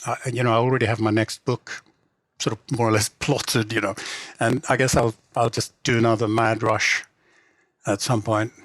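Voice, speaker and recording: A translator and novelist from England, middle-aged, gives a casual interview marked by hesitation, restarts and repeated "you know"s. He speaks flatly in a mid-range voice that's a bit bright. There's no echo.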